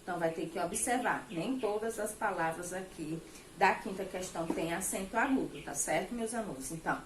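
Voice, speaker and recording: A Brazilian woman with a Brazilian Portuguese accent teaches a remote class lesson for children at normal speed in a fairly low voice. She speaks affectionately to her pupils, often checking their understanding with "tá certo?" The room is echoey, with faint background noise.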